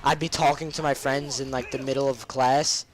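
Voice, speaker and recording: A man's voice: medium pitch, level tone, moderate pace, slight background noise. A man telling crude school stories over gameplay commentary, rambling, swearing, and drifting off topic. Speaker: gaming commentator. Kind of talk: casual game commentary and storytelling.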